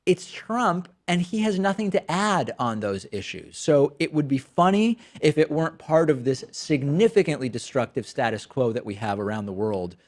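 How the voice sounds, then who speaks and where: This political commentary host has a fairly high, expressive voice and talks at a moderate pace with few pauses, sounding sardonic, incredulous and emphatic, including while reading a sponsor ad. Originally from a Spanish-speaking country and raised in the US since childhood, he grew up with Spanish and speaks English as his second language.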